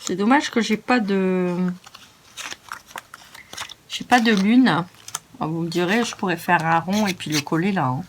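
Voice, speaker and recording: A woman's voice: on the low side, measured pace, long pauses, a little hiss or hum. A French-speaking woman hosting a crafting tutorial, chatty and self-mocking as she narrates each step. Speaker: craft video host.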